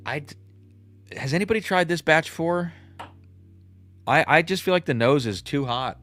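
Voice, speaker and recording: A man's voice: a little high, expressive, slow pace, pauses often, a bit bright, soft background music. A man in his thirties hosting a casual livestream tasting, thinking aloud and reacting to chat. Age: 30s. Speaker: host.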